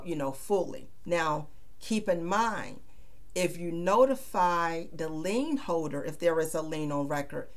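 A middle-aged woman at her office desk, explaining vehicle title procedures in a measured way, with frequent "uh" and "you know". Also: low-pitched, creaky. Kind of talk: explainer video. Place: small office. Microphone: webcam at desk.

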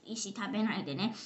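A woman's voice: a little high, a little mellow, muffled recording. A young girl casually reviewing candy at a home table, chatty and giggly, now and then slipping into English phrases. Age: child.

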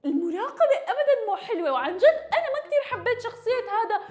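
A woman with a Levantine Arabic accent giving playful, animated gameplay commentary, full of gasps, giggles and dramatic outbursts. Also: extremely high pitch, very fast. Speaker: gaming YouTuber.

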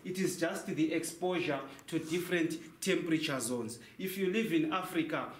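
Speaking at normal speed in a voice on the high side, a young tour guide talks visitors through a large indoor cave, explaining by asking and then answering his own questions. The handheld-mic recording, with the camera a few meters away, carries cave echo and faint noise.

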